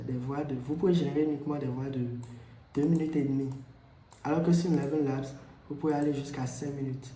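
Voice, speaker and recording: A man presenting a software tutorial, explaining steps with frequent hesitations and repeats. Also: fairly high pitch, a little hiss or hum. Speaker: tutorial host. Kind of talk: screen-recorded software tutorial. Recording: echoey room.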